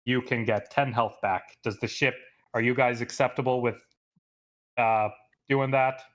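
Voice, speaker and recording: Male game master, mid-pitched, casual and rambling with constant fillers. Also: fairly even intonation, unhurried, a bit bright. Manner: loose, filler-heavy narration with frequent "like" and "uh". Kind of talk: running a tabletop game session.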